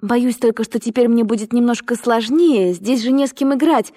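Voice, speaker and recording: An eager little girl, bubbly and breathless, as a woman reader puts her on. Her voice sits high and stays mellow rather than bright, and the storybook reading rings with a long reverb. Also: moderate pace, lightly acted. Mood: earnest.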